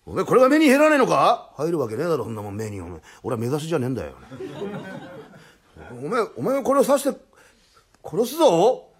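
Guy putting on a rowdy burglar, twang, husky, shouty, jumps all over in pitch. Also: big pitch swings, quick pace, pauses often. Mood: threatening. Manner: loud, blustering, coarse. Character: rough blustering male burglar, easily flustered. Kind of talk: comic storytelling.

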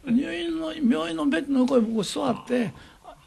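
A man's voice: very high-pitched, normal speed, gravelly, a little hiss or hum. An older man with an Osaka accent, reminiscing as an interview guest and acting out the voices in his stories. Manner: animated storyteller acting out quoted voices.

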